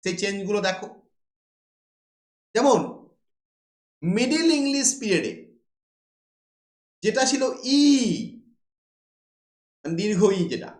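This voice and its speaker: High-voiced male teacher in a roomy echo. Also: animated, slow pace, long pauses. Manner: asks rhetorical questions then answers them. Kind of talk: classroom lecture.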